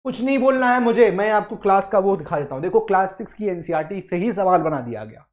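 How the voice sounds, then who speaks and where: Coaxing his students along with a lively, up-and-down intonation, a young man leads a Hindi-English exam prep lecture. His fairly high voice turns emphatic, though it slows whenever he reads out English quotations.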